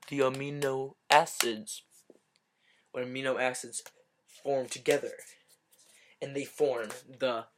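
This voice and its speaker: A man's voice: mid-range voice, slight background noise. A man casually explaining a biology topic in a rambling way, correcting himself often and cracking little jokes. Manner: rambling, self-correcting, joking asides.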